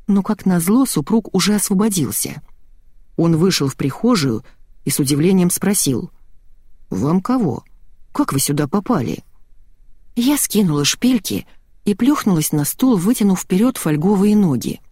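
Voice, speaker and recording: Expressive woman reading a novel aloud. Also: on the low side, moderate pace, husky, no room sound, studio quality. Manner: lively, expressive storytelling. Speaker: audiobook narrator. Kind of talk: first-person audiobook narration.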